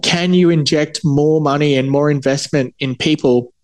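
A man's voice: on the high side, moderate pace. An Australian man in his thirties, a scientist, telling a story in an interview, often laughing at himself. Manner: laughing, self-deprecating, animated retelling. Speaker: cancer scientist.

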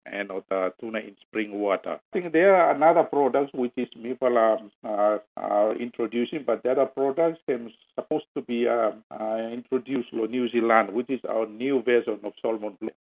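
A man with a Solomon Islands accent answering interview questions haltingly in Solomon Islands Pijin mixed with English. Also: mid-range voice. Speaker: company marketing manager being interviewed. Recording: tinny, phone-like radio audio.

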